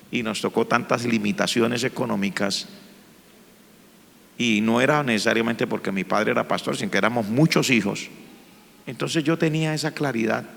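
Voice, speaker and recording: Gravelly pastor, bright voice. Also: male voice, medium pitch, in a large hall, a little hiss or hum. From Colombia. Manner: earnest, emotional storytelling. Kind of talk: personal testimony in church. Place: church.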